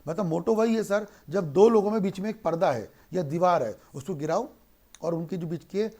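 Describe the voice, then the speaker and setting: A man teaching a law class in Hindi mixed with English, who keeps asking questions and answering them himself, and slows down to read English lines aloud. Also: high-pitched, darkish tone. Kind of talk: online lecture.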